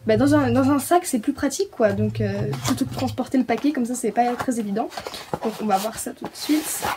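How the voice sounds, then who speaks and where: A woman from France talks through a haul of puppy gear in a casual, hesitant way. She fills her pauses and lets small giggles slip in. Her voice sits a touch high over a light hiss. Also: mellow. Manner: hesitant, many fillers, giggly. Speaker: pet vlogger.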